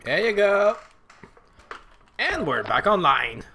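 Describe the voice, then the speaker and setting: A man's voice: high voice, sing-song, slow pace, creaky, very noisy. Swearing, sarcastic man gaming. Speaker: gamer playing through a game. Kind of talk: casual gameplay commentary. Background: loud game music.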